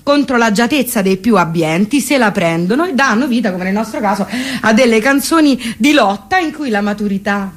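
A woman's voice: on the high side, fairly quick. A woman giving an ironic, mock-solemn introduction on stage. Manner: ironic, deadpan. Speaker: stage performer introducing act. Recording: radio broadcast with guitar behind.

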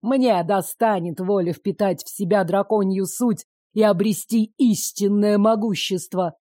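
A cruel, power-hungry sorcerer sneers in a slow, gloating drawl, as a woman narrator puts him on. The voice sits lower than her own and stays mellow. The audiobook recording is dry and close. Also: steady tone, no room sound, natural voice. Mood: mocking.

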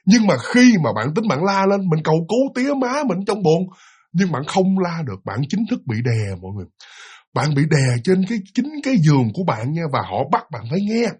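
A man with a Southern Vietnamese accent telling a ghost story, speaking directly to his listeners. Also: fairly high pitch. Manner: lively, addresses listeners directly, breathy voice.

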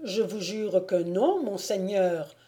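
An anxious young woodcutter pleads his innocence in an audiobook, voiced by a woman. The speech is earnest and slow, with a warm, soft tone. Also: medium pitch, lively intonation. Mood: pleading. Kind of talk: audiobook reading.

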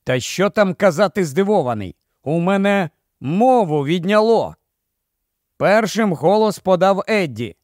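Guy reading an audiobook, slightly high voice, slow and measured, super dry close mic. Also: animated, a little mellow, dry recording. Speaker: narrator. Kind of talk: audiobook narration.

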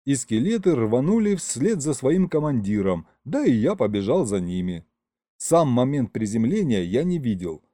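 Lively male audiobook narrator. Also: medium pitch, moderate pace, dry recording, clean studio sound. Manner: lively storytelling, first person. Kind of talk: scripted narration.

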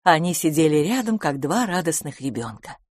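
A woman narrating an audiobook in an expressive storytelling manner. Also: sits low, moderate pace, no room sound, clean studio sound.

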